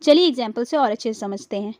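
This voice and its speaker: A woman's voice: fairly high pitch, animated, fast, a little mellow, dry recording, studio quality. A woman teaching English pronunciation in a scripted lesson, repeating each word twice and quizzing her viewers.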